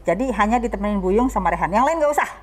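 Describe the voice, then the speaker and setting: A middle-aged woman, telling stories as an interview guest in a casual, animated way and laughing as she talks. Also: mid-range voice, very fast. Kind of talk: casual storytelling chat.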